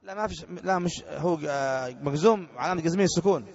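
A man's voice: fairly high pitch, fast talker. Sheikh quizzing his grammar class. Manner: repeats points and quizzes students with short questions. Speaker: sheikh teaching Arabic grammar. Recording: dull lo-fi lecture recording.

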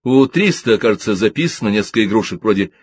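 A man's voice: lowish voice, expressive, breathy edge. A man reading an audiobook, voicing a nervous young male medical student who talks hurriedly. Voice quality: flustered, hurried.

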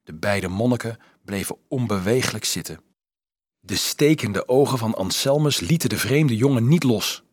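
A man reading a children's novel aloud as an expressive audiobook narrator. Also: fairly low pitch, normal speed, breathy edge, dry recording, clean studio sound. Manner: expressive storytelling. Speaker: audiobook reader.

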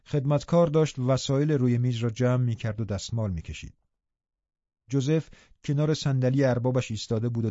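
A man reading an audiobook in a calm, measured narration. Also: medium pitch, no room sound, highs cut off. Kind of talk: scripted narration.

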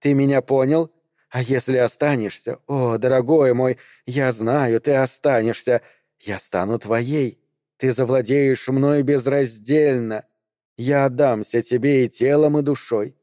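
A man's voice: medium pitch, steady tone, normal speed, dark tone, no echo, clean studio sound, close to an everyday voice. A man voicing a scheming, seductive woman who pleads, coaxes and wheedles in an audiobook reading. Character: seductive scheming woman, ageless former ruler of the house.

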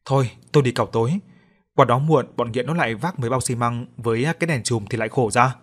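A man's voice: mid-range voice, fast, lightly acted. A man voicing a fatherly middle-aged builder who speaks in a teasing, good-natured way. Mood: friendly. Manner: warm-hearted, teasing.

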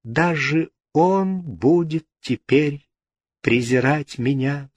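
A man's voice: fairly high pitch, slow, no echo, pitched above the performer's own voice. A man voicing a desperate, tearful young woman who pleads and exclaims in a storybook reading. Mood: bitter sorrow.

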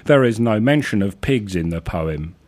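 A man's voice: on the low side, animated, normal speed, a little mellow. A man hosting a radio show, reading his own whimsical stories in a dry, droll manner, with hesitant asides between pieces. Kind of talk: deadpan literary narration and reading.

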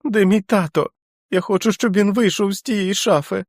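Brief: a frightened feverish boy, pleading and tearful, very high and thin, dry close sound. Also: moderate pace, no echo. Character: feverish frightened teenage boy, whimpering like a small child.

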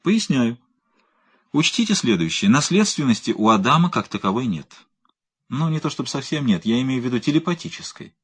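A man's voice: medium pitch, sing-song, a little fast, breathy edge. Man reading as a lecturing male scientist. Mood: explaining. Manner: methodical, lecturing. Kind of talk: audiobook reading.

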